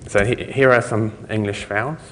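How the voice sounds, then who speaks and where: A man's voice: on the low side, fairly even intonation, normal speed, fairly bright tone, big-room sound, slight background noise. A man giving a conversational conference talk, explaining things step by step. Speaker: conference speaker.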